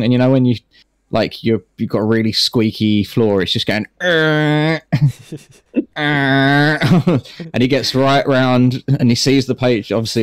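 A man's voice: medium pitch, darkish tone, dry recording. A man playing a tabletop game, rambling through his character's actions and laughing often. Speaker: player.

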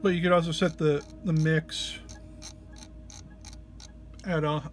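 In a relaxed gear demo, a man walks through an effects pedal patch slowly, his voice on the high side with little pitch movement. He sounds sick and hesitant, groping for the right words, with background noise clearly present.

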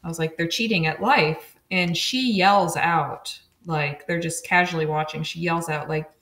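A woman's voice: deep voice, normal speed, a bit bright, reverberant. A woman guest in a casual interview, chatty, with frequent laughs and fillers. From Oregon, USA. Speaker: podcast guest, street-safety advocate.

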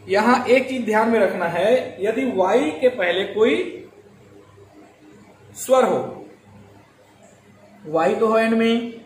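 Man, teacher, slow deliberate explaining, faint background hiss. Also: high voice, lively intonation. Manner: slow and explanatory, repeats key words and drawing out examples. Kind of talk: grammar lesson. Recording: echoey room with faint ambient noise.

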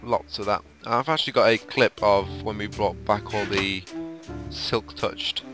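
A man co-hosting a casual game commentary, chatty and rundown-style, with a sleepy, croaky late-night voice. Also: on the low side, a little slow, music in the background. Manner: chatty, tour-guide rundown with fillers. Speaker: let's play co-host.

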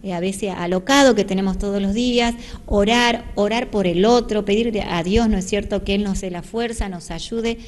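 A woman's voice: mid-range voice, moderate pace, a little mellow. A woman in her forties giving an earnest local TV interview in a church hall, speaking into a handheld mic and inviting people in. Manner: earnest, inviting, slips into preaching. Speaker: church volunteer. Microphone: handheld reporter mic.

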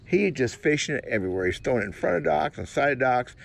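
A man's voice: mid-range voice, very animated, fast talker, gravelly. An older man, musing in a folksy, rambling way while sitting in a kayak in a swamp. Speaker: fishing vlogger. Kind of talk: casual outdoor musing. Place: kayak in a cypress swamp, outdoors.

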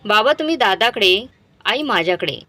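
A man's voice: high-pitched, animated, normal speed, sharp tone, exaggerated voice. A woman voicing a grown younger son who speaks bluntly to his parents.

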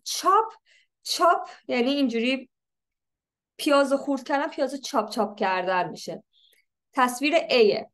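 A young woman teaching an English lesson in a slightly high voice. She reads English sentences slowly and deliberately, then explains them at a brisk, casual pace. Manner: switches between slow read-aloud English and quick explanations.

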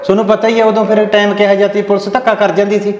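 An actor playing a middle-aged village farmer who pleads earnestly. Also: male voice, high voice, level tone, very fast, darkish tone, slight background noise, natural voice. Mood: pleading. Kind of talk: village family drama acting. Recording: echoey room with long reverb.

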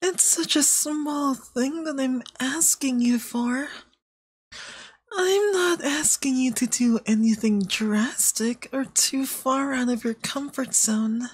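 This heavily acted ASMR roleplay has a woman playing a clingy, manipulative femboy yandere boyfriend, slow and high-pitched with no echo. Her breathy, cloying voice coaxes with hidden menace in a doting mood.

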